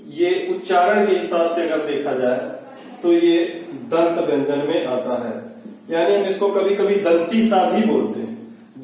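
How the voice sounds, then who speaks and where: A man teaches an exam-prep grammar lesson in a fairly high voice, patiently repeating each term and answering his own questions. He sounds out syllables in a sing-song way. He stands back from the mic in a very echoey room, with faint hiss behind him. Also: darkish tone, far from the mic. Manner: patient, repeats terms and asks questions he then answers himself.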